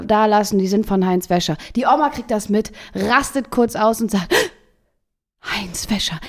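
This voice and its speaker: A woman hosting a casual podcast, lively as she retells a film scene. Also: fairly high pitch. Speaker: podcast host.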